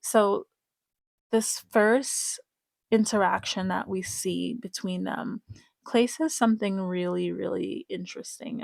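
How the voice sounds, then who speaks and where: With vocal fry in a mid-range voice and no audible room sound, this woman comments on a reality show. She's casual but emphatic, addressing her viewers directly and saying her points more than once.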